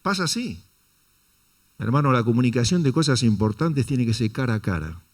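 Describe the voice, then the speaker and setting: Un predicador con acento da su sermón dominical con voz de tono medio. Lanza preguntas retóricas a la congregación y se dirige a ella como "hermano". Cambia la entonación para dramatizar las frases que cita. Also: male voice, mid-range voice, expressive, normal speed. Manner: rhetorical questions, addresses the congregation as brother; dramatizes quotes with shifting intonation. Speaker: pastor. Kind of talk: sermon.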